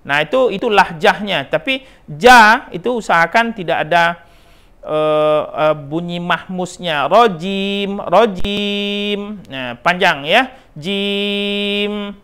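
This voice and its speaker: Slow, patient man teaching Quran recitation. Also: high voice, pushed and bright, clean tone. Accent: Indonesian. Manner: slow, drawn-out demonstrations of recited syllables, repeating right and wrong forms; frequent "nah" and "ya" checks with the learner. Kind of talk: Quran pronunciation lesson.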